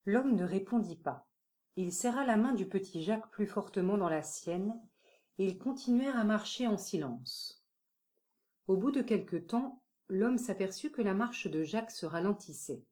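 A woman narrating a classic novel for an audiobook. Her voice is mellow and warm, at an everyday pitch. She tells the story in a calm, measured way.

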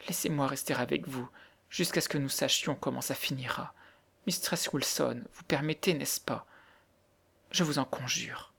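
A man voicing a frightened young woman who speaks softly and pleads in a near whisper. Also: medium pitch, moderate pace, creaky, slightly rough. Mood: pleading. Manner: soft, hushed, pleading, half whispered.

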